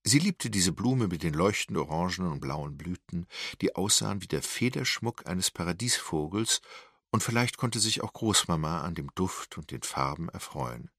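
A man narrating a crime novel in a measured, dramatic storytelling manner. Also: sits low, animated, a bit bright, no room sound, studio quality. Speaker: audiobook narrator.

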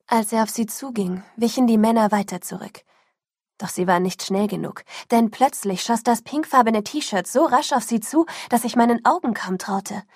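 A woman reading a first-person story as audiobook narration, sinking into a hushed whisper at tense moments. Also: a little high, normal speed, no echo, studio quality.

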